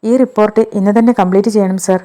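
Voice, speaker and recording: An earnest young woman on her first job answers politely and softly, in a storybook reading, as the narrator puts her on. The tone is mellow and unforced. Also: mid-range voice, fairly even intonation, quick pace, lightly acted. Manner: polite, soft replies. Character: earnest 24-year-old woman, new employee.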